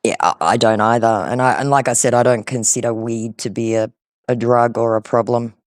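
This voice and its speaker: Speaking a little fast in a steady, mid-range voice, this man is a scambaiter keeping a scammer talking in casual phone chat. He explains things conversationally, and the recording is dry with clean studio quality.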